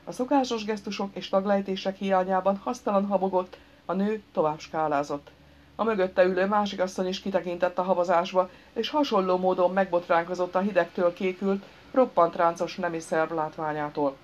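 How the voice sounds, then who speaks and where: A woman's voice: on the low side, fairly even intonation. Woman reading an audiobook, dull sound. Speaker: audiobook reader. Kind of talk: scripted narration. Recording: dull lo-fi recording.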